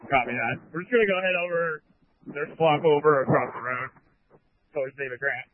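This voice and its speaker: A man as an emergency responder speaking over police radio, matter-of-fact and quick. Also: on the high side. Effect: police radio transmission. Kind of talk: terse radio traffic. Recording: tinny narrow radio channel.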